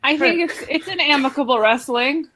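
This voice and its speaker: A woman's voice: sits high, normal speed, a bit bright. A woman narrating a tabletop game as game master, with wry, dry asides.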